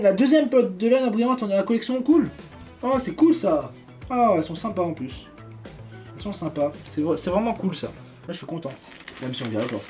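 Warm-voiced man chatting through an unboxing. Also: fairly high pitch. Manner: chatty, jokey, reads card captions aloud. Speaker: YouTuber opening trading cards. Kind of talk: casual unboxing commentary.

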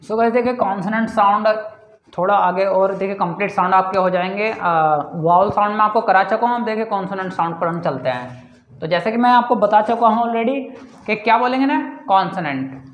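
A man teaching English pronunciation in a casual spoken lesson, slowly repeating example sounds and often calling his viewers guys. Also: sits high. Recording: roomy echo.

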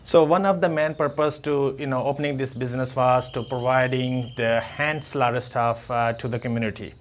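A man's voice: medium pitch, steady tone, normal speed, slight background noise. Man talking through a face mask. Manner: hesitant, many fillers. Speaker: store owner giving a tour. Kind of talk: casual walkthrough tour. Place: indoors in a grocery store.

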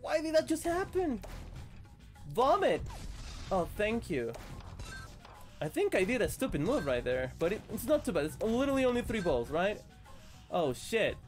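A sick man streaming a video game, excitable and swearing as he plays. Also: high-pitched, normal speed, faint music behind. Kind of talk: casual gameplay commentary.

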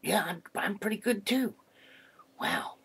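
Man voicing a playful puppet boy for kids: gravelly, husky, fairly low. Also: huge pitch swings, a little slow, fairly bright tone, heavily acted. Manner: chatty and playful. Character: friendly curious male puppet boy. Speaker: puppet character. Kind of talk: children's puppet show.

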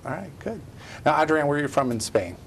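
A middle-aged man hosts a studio interview and talks quickly. He is friendly and encouraging, with short interjections between answers. A faint low rumble sits under his lapel-mic voice. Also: very animated, creaky. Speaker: host. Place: small TV studio.

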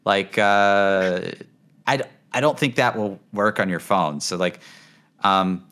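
A man hosting a casual gaming chat, rambling with lots of fillers and trailing off quietly at the ends of thoughts. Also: lowish voice, slow pace. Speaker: gaming channel host.

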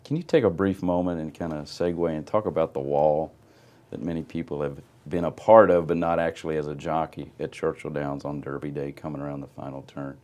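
Man, extremely deep voice, quick, interview host, encouraging. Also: fairly even intonation, a little mellow. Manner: encouraging, frequent backchannels.

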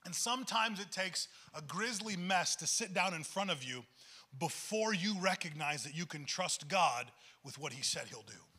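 Man, pastor, sermon, earnest, conversational, repeats words, high pitch. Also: lively intonation, normal speed, bright, forceful tone, slightly rough.

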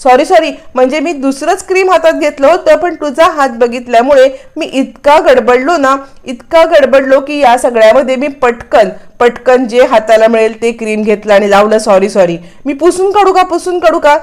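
A woman's voice: high-pitched, normal speed, hardly any pauses, close to an everyday voice. A woman voicing a flustered young husband who panics over his wife's burned hand and repeats himself.

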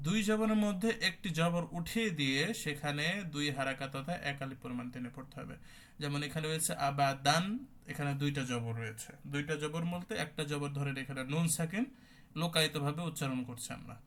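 A man teaching an online class on Quran recitation rules. He explains step by step, often checks whether listeners understand, and chants example words with drawn-out recitation. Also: on the high side, a bit bright. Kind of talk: online tajweed class lecture.

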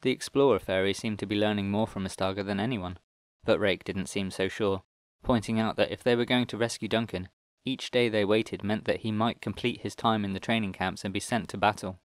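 Deep-voiced man reading a storybook. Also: steady tone, a little fast, no room sound, studio quality. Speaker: audiobook narrator. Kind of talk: scripted narration.

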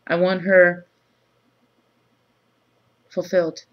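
A woman in her thirties who has just woken up, talking groggily and haltingly in a low-key, casual, confessional vlog. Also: completely flat delivery. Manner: halting, pausing often mid-thought. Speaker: vlogger. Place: small room indoors. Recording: dull lo-fi webcam sound.

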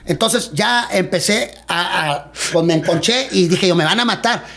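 A middle-aged man, telling stories in a casual interview, animated and full of sound effects. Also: sits high, vocal fry. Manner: rapid, animated storytelling with sound effects and acted-out quotes. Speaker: guest, retired wrestler.

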